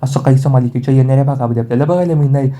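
A man's voice: mid-range voice, rapid-fire, mellow. A man narrating a recap of an upcoming serial episode, repeatedly addressing the viewers with the same filler phrases.

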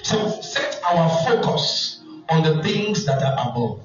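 A pastor with a Nigerian accent delivers a sermon in a high voice and mixes humorous stories into his preaching. He is heard from a distance in a strongly echoing church hall. The sound is dull and muffled, and soft music plays underneath. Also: sing-song, slow pace.

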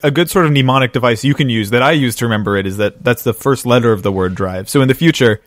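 A man's voice: mid-range voice, quick pace, no room sound, clean studio sound, natural voice. A man playing an awkward, politely patient driving instructor who stammers through his instructions in an improvised comedy role-play. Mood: patient, baffled.

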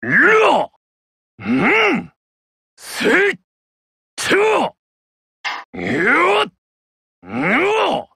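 An actor voicing a proud, honorable male warlord general in a video game, trading battle cries and formal, old-fashioned commands with a husky voice. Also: extremely high pitch, wildly swooping pitch, drawn-out words, long pauses, dry recording, clean studio sound, heavily acted. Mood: fierce. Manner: archaic samurai-style formal speech, shouted battle cries. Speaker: game character voice.

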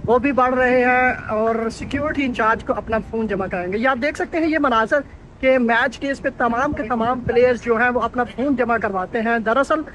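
A male sports reporter narrates arrivals outdoors beside a bus, one name after another. His voice sits very high for a man. Faint street and engine noise hangs in the background. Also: normal speed, a bit bright, low-quality recording. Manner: running play-by-play narration of arrivals. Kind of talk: live on-location commentary.

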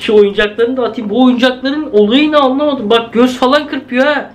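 A man's voice: very high-pitched, fairly even intonation, normal speed. A young man giving chatty, jumpy let's-play commentary, exclaiming at scares and talking to his viewers. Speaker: gaming video host.

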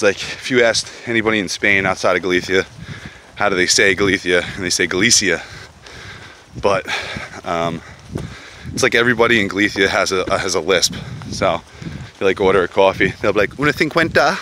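A man with a low voice talks to his camera as he walks a woodland trail. His speech is relaxed and rambling, full of slang and fillers, with faint outdoor noise underneath. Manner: laid-back, rambling, slangy, many fillers. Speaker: vlogger walking a pilgrimage route. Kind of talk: casual walking vlog.

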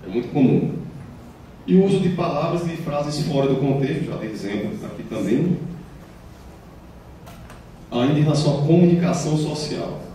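Paraiba accent guy lecturing, kinda high but dark voice, super echoey hall, far from mic. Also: expressive, normal speed, pauses often, a little hiss or hum. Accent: Brazilian Portuguese, Paraíba. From Paraíba, Brazil. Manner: explanatory, acts out quoted children and parents. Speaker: child psychiatrist giving a lecture. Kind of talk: public health lecture. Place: municipal meeting hall.

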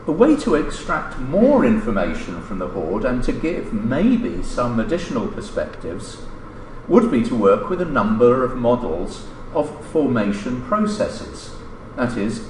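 Here a man reads a formal academic paper from a lectern, his mid-range voice carrying animated intonation. The setting is an indoor lecture room, and the audio has hall echo plus background noise.

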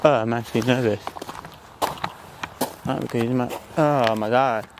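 A man's voice: mid-range voice, steady tone, normal speed. A man chatting casually and unscripted as he explores, muttering to himself and swearing. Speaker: urban explorer filming a vlog. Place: abandoned building and its overgrown grounds. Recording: handheld recording with clear background noise.

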